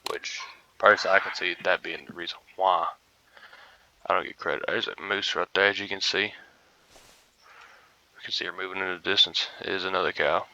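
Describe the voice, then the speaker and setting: Sounding like he just woke up, a young streamer rambles groggily through commentary on a hunting game, laid-back and prone to mumbly asides. He speaks in a low, steady voice with a sharp tone at a moderate pace, pausing often, and the audio is dull.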